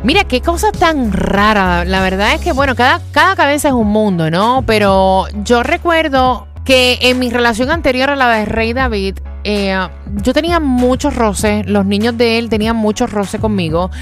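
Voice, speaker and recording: A woman's voice: a little high, animated, normal speed, hardly any pauses, faint music behind. Woman hosting a radio chat. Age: middle-aged. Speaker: radio show host.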